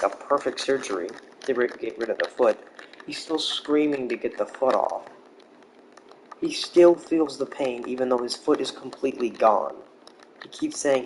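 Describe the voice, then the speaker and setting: A man casually telling a made-up story, rambling and halting with restarts and the odd swear word. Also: fairly low pitch, a little hiss or hum, low-quality recording.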